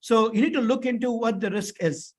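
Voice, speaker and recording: High-pitched male lecturer with a sore throat. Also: a little fast. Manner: conversational, repetitive, checks understanding with short tag questions. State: sore throat, slightly thick, strained voice with throat clearing. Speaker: instructor teaching an online or classroom course. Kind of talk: explanatory lecture with frequent check-in questions.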